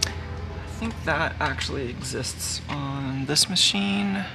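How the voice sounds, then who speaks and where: A man's voice: a little high, slow pace, gravelly, over music. A man live-streaming an electronics kit build from his home workshop, chatting casually and thinking aloud with fillers and self-corrections.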